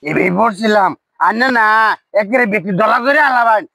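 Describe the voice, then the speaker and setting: A man with a rural Bangladeshi accent playing a loud, quarrelsome town drunk who whines and blusters in a village comedy skit. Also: sits high, fairly quick, creaky, no echo, studio quality, exaggerated voice. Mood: angry, blustering.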